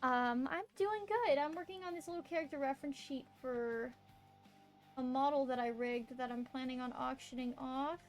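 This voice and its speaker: A woman chats casually on a live stream in a distinctly high voice. Her delivery is cute and bubbly, in the manner of an anime streamer. Music plays softly behind her. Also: fairly even intonation, normal speed. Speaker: VTuber streamer and artist. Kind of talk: casual live stream chat while drawing.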